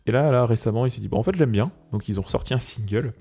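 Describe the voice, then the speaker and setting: A man's voice: medium pitch, very fast, dark tone, slightly rough, faint music behind. A man co-hosting a podcast, presenting songs in casual, rambling, self-mocking chat. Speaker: podcast co-host presenting tracks.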